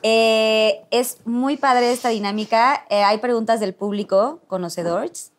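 A woman's voice: a little high, a little slow. A woman hosting a talk show, chatty, playful and teasing. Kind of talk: casual chat.

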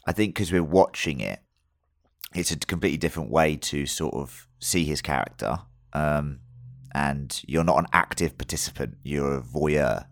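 A man's voice: very deep voice, moderate pace, no echo, clean studio sound. A man chatting casually as a review podcast co-host, matey and sweary, circling his way through his points. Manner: sweary, matey and jokey banter.

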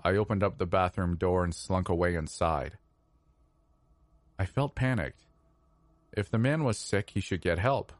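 A man with a very low voice reads a creepy first-person tale. His delivery is slow, measured and somber, built for scripted horror narration. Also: dry recording.

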